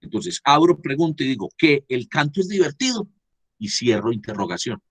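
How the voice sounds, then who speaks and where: Husky man teaching an online class. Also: mid-range voice, big pitch swings, moderate pace. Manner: repeats and asks "¿sí?" to check understanding. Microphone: video call.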